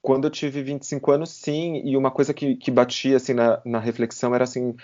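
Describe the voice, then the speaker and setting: Guy in his 30s on a podcast, slow reflective chat, keeps restarting, kinda muffled audio. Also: mid-range voice, flat delivery, darkish tone. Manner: hesitant, repeats words and restarts while thinking aloud. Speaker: podcast host. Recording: slightly dull podcast audio.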